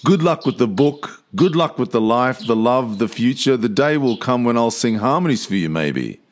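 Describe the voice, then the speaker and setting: A man's voice: medium pitch, very animated, moderate pace. A man hosting a podcast, interviewing a guest and closing the episode with enthusiastic thanks and plugs. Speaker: podcast host.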